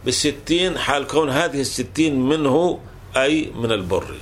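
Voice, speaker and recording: A man's voice: medium pitch, expressive, moderate pace, a little hiss or hum. Patient man teaching grammar, repeating rules. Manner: patient and repetitive, restating each rule several times with self-corrections. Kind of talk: explaining a classical grammar text to a student.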